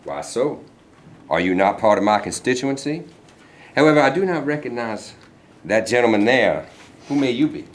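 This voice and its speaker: In a staged play reading, a man with a mid-range, sing-song voice plays a sly, smooth-talking state governor at normal speed, leaving long pauses and acting it lightly. He sounds evasive, patronizing and mock-genial, and the recording has an echoey room, a distant mic and faint hiss.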